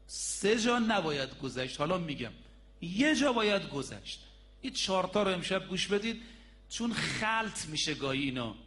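Preacher guy giving a sermon, high voice, bright and forceful, leans hard on the big points. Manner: storytelling, addresses the congregation as brothers and sisters; emphatic, repeats key points.

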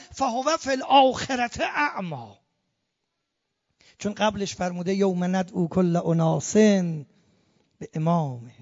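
A man delivering an impassioned sermon as a cleric, chanting verses slowly and rising to emphatic peaks. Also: very high voice. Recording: muffled, long hall reverb.

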